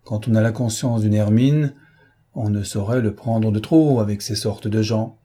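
A man voicing a suave gentleman thief who speaks with polite, self-mocking irony. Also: on the low side, normal speed, slightly rough. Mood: ironic.

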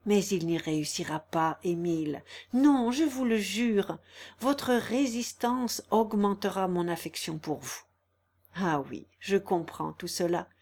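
Woman reading as a proud, gentle young woman. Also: mid-range voice, measured pace. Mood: earnest. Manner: earnest, steady, persuasive. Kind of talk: audiobook reading.

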